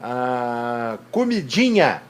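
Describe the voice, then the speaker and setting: A man's voice: mid-range voice, very animated, extremely slow, a little hiss or hum. A father at home chatting playfully with his small sons, slipping into baby talk as he coaxes them to repeat words. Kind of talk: casual home video.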